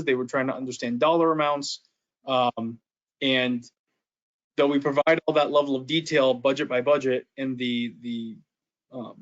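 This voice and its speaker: A man's voice: on the high side, a bit bright. Man explaining budget charts, dull audio. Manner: explanatory, methodical. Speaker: town administrator. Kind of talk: public meeting discussion.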